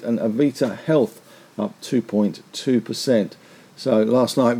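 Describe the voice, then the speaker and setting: Mellow-voiced man giving rapid market news. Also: mid-range voice. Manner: chatty, wry asides amid figures. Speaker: market podcast host.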